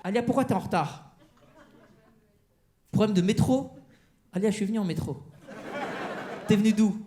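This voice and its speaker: A man's voice: high voice, moderate pace, mellow, slight background noise. A man doing stand-up crowd work on a comedy club stage, teasing the audience with mock-outraged banter. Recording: live show with crowd laughter.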